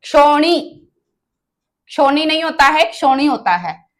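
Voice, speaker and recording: A woman's voice: high voice, animated, a little slow. A woman teacher giving an exam-prep grammar lesson, repeating each word and quizzing her students on the right form.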